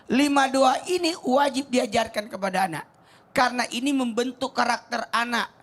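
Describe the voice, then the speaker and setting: A man, a cleric, giving a lively, joking answer on a religious talk show, often restarting his words. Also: very high-pitched.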